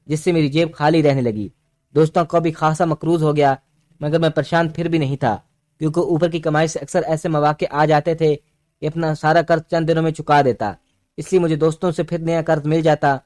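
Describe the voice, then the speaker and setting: A man narrating a first-person story with steady, dramatic storytelling. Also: on the high side.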